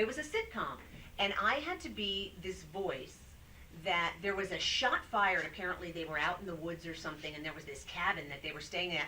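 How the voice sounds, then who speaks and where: Bright-voiced woman telling stories. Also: on the low side, distant mic, a little hiss or hum, rough recording. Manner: animated storyteller, acts out quotes. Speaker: voice-over artist guest. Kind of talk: casual interview chat.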